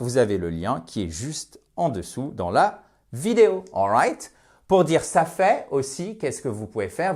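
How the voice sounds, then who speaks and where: Lively male language teacher explaining. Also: mid-range voice. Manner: lively, slows down to stress example sentences; checks in often with the viewer. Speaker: English teacher.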